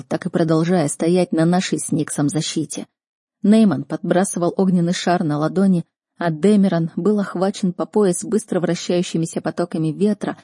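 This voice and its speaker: A woman's voice: lowish voice, dark tone, husky, dry recording, studio quality. A woman narrating a first-person fantasy audiobook with an emotional, dramatic reading.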